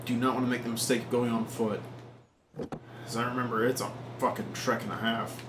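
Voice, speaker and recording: A man's voice: medium pitch, flat delivery, a little fast. A man casually commenting while he plays a video game and swearing freely. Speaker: gamer. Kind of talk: let's play commentary. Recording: roomy, noisy recording.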